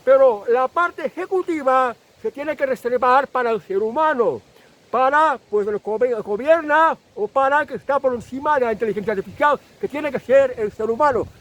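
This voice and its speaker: Man, very high voice, insistent opinion monologue, repeats himself, filler pauses. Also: a bit bright, rough recording. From Spain. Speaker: channel host.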